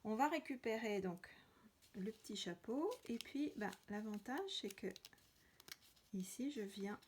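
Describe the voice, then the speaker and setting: A woman's voice: a little high, lively intonation, unhurried, darkish tone, slight background noise. A woman hosting a card-making tutorial, talking casually while she works with many hesitations and fillers. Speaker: crafting tutorial host. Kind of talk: casual craft demonstration.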